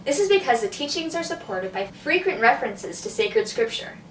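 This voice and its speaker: A young woman with a slightly high voice co-hosts a casual scripted video, bubbly and enthusiastic. The recording is roomy and echoey. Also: very animated, fairly quick, fairly bright tone, a little hiss or hum. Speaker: co-host. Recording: echoey room, mic at a distance.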